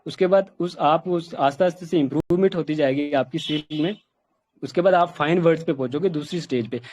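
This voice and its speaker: A man's voice: fairly high pitch, a little fast, darkish tone. A man teaching a communication skills class in a casual, plain way, often checking in with his listeners. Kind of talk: casual instructional talk. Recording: dull lo-fi sound.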